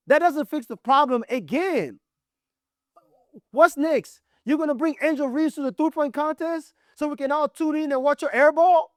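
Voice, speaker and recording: A man's voice: extremely high pitch, no room sound, studio quality. A man from Congo giving blunt, emphatic opinion commentary on basketball as the show's host. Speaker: sports commentator.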